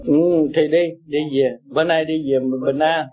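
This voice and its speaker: A man's voice: a little high, steady tone, moderate pace, dark tone, faint music behind, poor audio. A man giving a blunt, emphatic Buddhist talk to his followers, coaxing and scolding them by turns. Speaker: Buddhist teacher.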